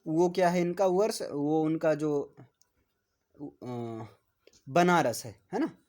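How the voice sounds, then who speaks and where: A man's voice: fairly high pitch, slow, a little mellow. A man with a Hindi accent giving a classroom lecture, repeatedly asking "है ना?" and spelling words out for his students. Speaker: teacher.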